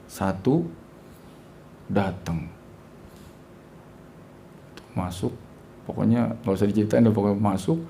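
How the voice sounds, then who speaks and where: A man's voice: fairly low pitch, slow pace, creaky, long pauses, mellow, slight background noise. A man teaching a religious class, telling a story with acted-out dialogue and jokes.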